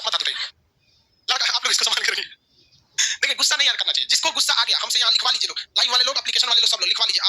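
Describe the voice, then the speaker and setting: A male teacher with a Bihari Hindi accent, lecturing a class rapidly and animatedly, asking questions and answering them himself. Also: very high voice, very noisy. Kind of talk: classroom lecture with call-and-response.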